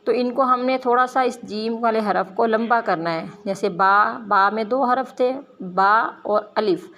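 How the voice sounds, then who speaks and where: A woman gives a Quran reading lesson at a patient pace. She explains how to shape the lips and tongue, then says each letter slowly with emphasis for the learners to repeat. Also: a little high, a bit bright. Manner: drawn-out, emphatic letter sounds, explaining mouth positions. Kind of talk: slow, careful letter-by-letter pronunciation lesson.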